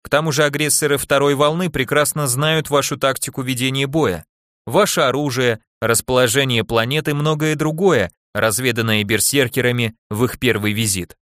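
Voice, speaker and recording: A man voicing a calm, unflappable male alien ambassador in an audiobook, speaking in a measured, matter-of-fact way. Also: medium pitch, no room sound, studio quality, close to an everyday voice.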